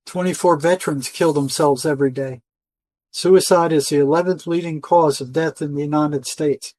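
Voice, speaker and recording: This older man, a retired psychotherapist being interviewed, delivers an emphatic, insistent conversational monologue, repeating phrases to stress them. His voice runs a little high and a little mellow, recorded without room sound.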